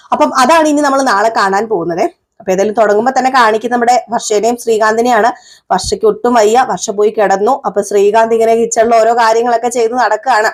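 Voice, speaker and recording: A woman chattily retelling a TV serial episode and acting out the dialogue herself. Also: fairly high pitch. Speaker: serial recap reviewer. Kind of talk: casual storytelling recap.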